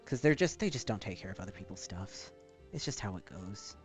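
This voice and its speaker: A man talking casually and with some swearing as a streamer who draws live, rambling in an animated way. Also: lowish voice, a little fast, over music. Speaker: streamer drawing art live. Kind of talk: casual livestream chat while drawing.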